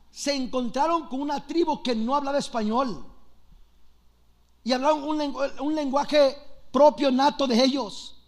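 A man from Los Angeles preaching a storytelling sermon, fast, animated and joking. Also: very high voice. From Los Angeles, USA.

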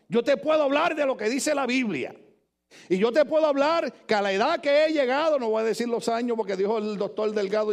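Older Puerto Rican pastor, high voice. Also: male voice, gravelly. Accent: Puerto Rican Spanish. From Puerto Rico. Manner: playful, joking asides between emphatic preaching. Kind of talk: sermon. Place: church with congregation.

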